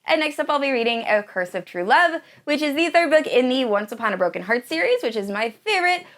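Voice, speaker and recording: Gushing about books to her viewers, this book vlogger in her thirties talks casually and with enthusiasm. Her voice sits high, with a sing-song, slightly bright quality, and she speaks fairly quickly.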